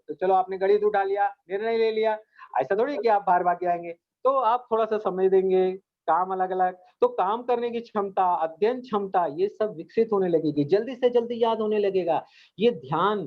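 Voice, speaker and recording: High-pitched indian teacher guy walking kids through meditation, earnest and coaxing, kinda dull lo-fi sound. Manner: earnest, repetitive coaxing, addresses students directly. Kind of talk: guided meditation lesson for students. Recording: dull lo-fi recording.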